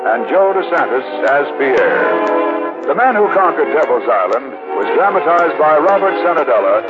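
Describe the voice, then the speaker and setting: A man's voice: on the high side, big pitch swings, normal speed. An American man in the polished sales delivery of an old radio announcer, reading scripted 1940s sponsor messages and credits. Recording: tinny vintage radio broadcast, music behind.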